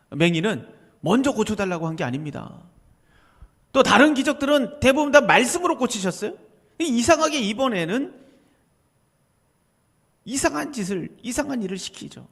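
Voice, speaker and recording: A male pastor delivers a sermon in a high, strongly animated voice that swings widely in pitch. He presses his points with rhetorical questions and sometimes falls to a near whisper. The sound carries a long church-hall reverb. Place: church sanctuary.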